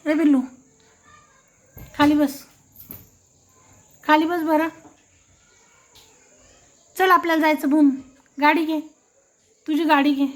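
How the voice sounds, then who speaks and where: A woman with a high voice talks slowly and gently to a small child at home. She coaxes in baby talk and repeats every prompt over and over to get the toddler to answer. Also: flat delivery. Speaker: family member coaxing a toddler to talk. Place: indoors at home.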